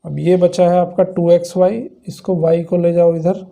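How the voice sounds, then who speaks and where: Male math tutor, high-pitched yet very mellow, patient step-by-step lecturing. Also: completely flat delivery, moderate pace, creaky. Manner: explains step by step, asks and answers own questions. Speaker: math teacher. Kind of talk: classroom lecture.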